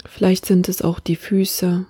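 A woman leading a guided meditation in a soft, half-whispered, calm and soothing manner. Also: fairly low pitch, a little slow, breathy edge, no echo, studio quality.

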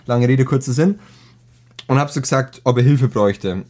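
A teenage boy chatting casually as a podcast co-host, telling a school story in slangy, animated fashion. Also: mid-range voice, normal speed. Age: teens. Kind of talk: casual chat.

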